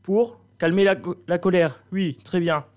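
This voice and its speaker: Guy doing a bossy fake teacher bit, high voice, theatrical. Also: steady tone, measured pace. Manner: mock-stern, theatrical. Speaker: host. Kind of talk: comic teacher role-play.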